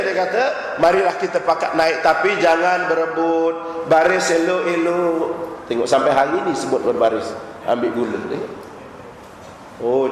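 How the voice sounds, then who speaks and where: A man with a Malaysian Malay accent giving a sermon as a religious teacher, telling stories and asking the audience rhetorical questions. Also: high-pitched. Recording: very echoey hall recording, faint noise.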